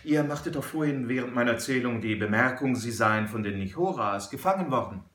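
A man voicing a calm, shrewd frontier hunter who explains things in a measured, firm way. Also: medium pitch, echoey room, natural voice.

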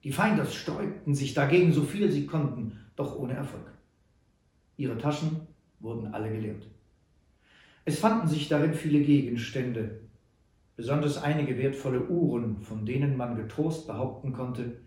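A man narrating an audiobook in an even storytelling manner. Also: mid-range voice, normal speed. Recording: roomy echo.

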